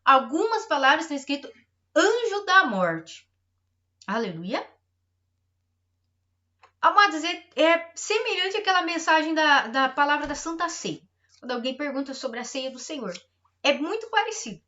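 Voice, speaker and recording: A woman's voice: sits high, big pitch swings, moderate pace, pushed and bright, muffled recording. A middle-aged woman pastor preaching a sermon, emphatic and repetitive, acting out everyday complaints.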